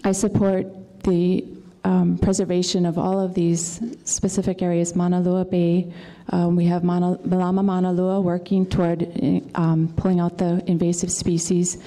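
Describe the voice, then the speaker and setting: A woman candidate at a neighborhood forum gives a measured, point-by-point answer. Her voice is low and very dark, with a flat, even delivery. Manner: measured, methodical, listing points one by one. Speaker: political candidate. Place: indoor community meeting room.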